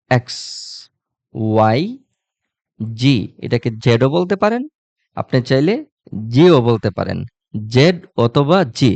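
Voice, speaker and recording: A man's voice: mid-range voice, a little mellow, no room sound, highs cut off. A man teaching a live English class, repeating each letter and quizzing students on how it sounds, speaking directly and conversationally to viewers. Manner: repeats and quizzes the class, asking what it will be; conversational, addresses viewers directly with religious phrases.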